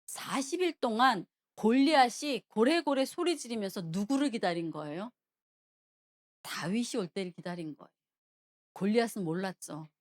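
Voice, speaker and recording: A woman's voice: medium pitch, lively intonation, normal speed. A woman pastor preaching a sermon in a church, telling a Bible story and often questioning her congregation.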